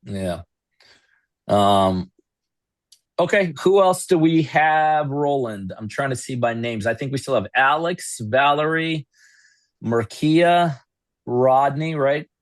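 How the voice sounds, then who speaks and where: A man's voice: medium pitch, animated, takes it slowly, pauses often, dry recording. Guy hosting a video call webinar, born in russia but no accent, rambly, dry mic. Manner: rambling, self-deprecating, laughs often. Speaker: webinar host. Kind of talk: casual webinar chat.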